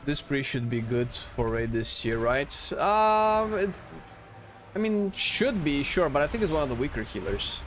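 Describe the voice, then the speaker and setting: A man's voice: on the high side, sing-song, a little slow, fairly bright tone, a little hiss or hum. A man chatting informally on a live game stream, talking to viewers with the odd swear word. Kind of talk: casual live-stream chat while gaming. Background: faint game music.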